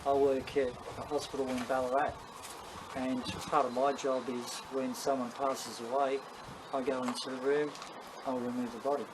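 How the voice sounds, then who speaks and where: Aussie guy, ghost hunter type, rambling casual stories to a group, middling pitch, pretty noisy live recording. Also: level tone, moderate pace. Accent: Australian. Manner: rambling, anecdotal, matter-of-fact about spirits. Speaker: paranormal investigator leading a session. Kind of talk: casual spoken talk to a group.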